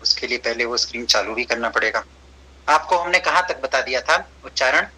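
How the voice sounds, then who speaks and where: A man's voice: medium pitch, lively intonation, a little fast, pushed and bright, breathy edge, rough recording. A man teaching an online class over a video call, patient and encouraging, slipping English phrases into his speech.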